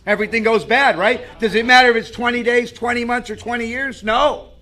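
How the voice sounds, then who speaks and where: A man's voice: very high-pitched, steady tone, brisk, sharp tone. A man speaking at a recovery meeting, sharing his story in an earnest, conversational way. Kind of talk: personal recovery share with stories.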